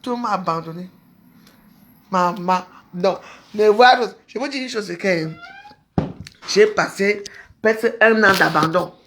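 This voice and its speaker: A woman's voice: medium pitch, unhurried, pauses often, noisy background. A woman speaking emotionally in a street interview, with exclamations and repeated phrases, sometimes close to tears.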